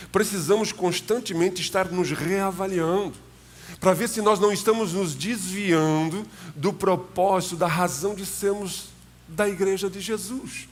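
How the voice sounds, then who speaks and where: A male pastor with a Brazilian Portuguese accent delivers a sermon, speaking straight to his congregation in a relaxed, conversational way. His voice sits a little higher than most men's. A faint hum runs underneath the recording. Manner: conversational, addresses the congregation directly. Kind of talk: sermon with church announcements. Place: church sanctuary.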